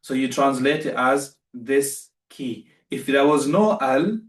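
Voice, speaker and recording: A man's voice: medium pitch, expressive, slow, reverberant, far from the mic. A man teaching beginner Arabic in a live online class, patient and repeating himself as he corrects students.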